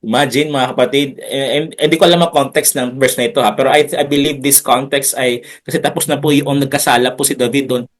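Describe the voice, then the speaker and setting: Guy pastor doing a bible study, easygoing and chatty, tosses in little jokes, middle-pitched voice. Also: steady tone. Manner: unhurried, chatty preaching with jokes and asides.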